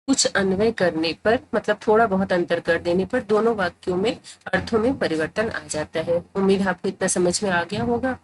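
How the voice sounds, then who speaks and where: A woman teaching Hindi grammar in a tutorial, explaining patiently and repeating phrases to make each point clear. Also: mid-range voice, slight background noise, rough recording.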